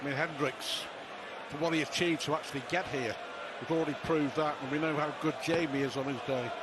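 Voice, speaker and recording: A man's voice: on the high side, steady tone, a little fast. A man commentating live on darts in a conversational style. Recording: loud crowd noise behind commentary. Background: noisy darts crowd.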